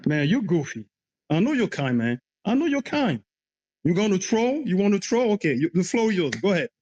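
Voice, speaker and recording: Fifty-something guy from ivory coast, blunt and argumentative, voice sits a bit high. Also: very animated, fairly quick, darkish tone, muffled recording. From Ivory Coast, West Africa. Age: 50s. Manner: argumentative, blunt, slightly broken phrasing. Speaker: caller. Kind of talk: heated live audio chat.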